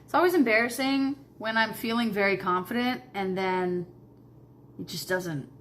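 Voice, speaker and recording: A woman's voice: mid-range voice, moderate pace, fairly bright tone. A woman live streamer chatting casually and muttering to herself in short fragments as she reacts to videos. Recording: faint background room noise.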